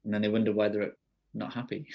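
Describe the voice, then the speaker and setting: A man's voice: fairly low pitch, little pitch movement, fairly quick, vocal fry, highs cut off. A man hosting a podcast interview, casual and easygoing, with frequent hesitations. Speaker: podcast host.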